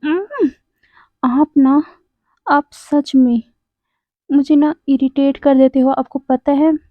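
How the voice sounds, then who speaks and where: A woman puts on a wounded young husband who keeps pressing his silent partner with accusing, pleading questions. The voice sits high, and the sound is dry and thin, like a phone line. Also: steady tone, slow pace, no echo. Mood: reproachful. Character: hurt, reproachful young husband.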